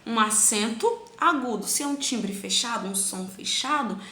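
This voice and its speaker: A woman teaching a children's grammar lesson, stretching syllables slowly to show stress and asking herself the pupils' questions. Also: a little high, sharp tone, echoey room.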